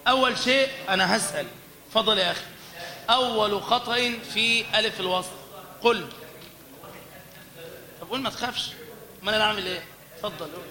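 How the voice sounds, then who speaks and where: A man giving a religious lesson, explaining slowly and singing drawn-out example phrases. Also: high voice, sharp tone, in a large hall. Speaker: teacher of call to prayer pronunciation.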